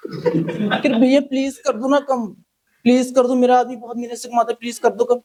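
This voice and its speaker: Guy putting on a high whiny gossipy lady voice, drags out her sighs, dark tone. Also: level tone, normal speed, poor audio. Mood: pleading. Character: gossiping woman, dramatic about faded clothes.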